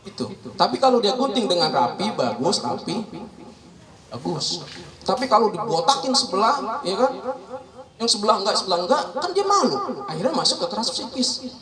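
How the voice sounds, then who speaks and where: A man's voice: high voice, very animated, normal speed. A man gives a chatty legal outreach talk at a neighborhood meeting. He keeps addressing the audience as "Pak" and acts out quoted speech. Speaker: legal counselor. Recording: echoey room, distant mic, crowd noise.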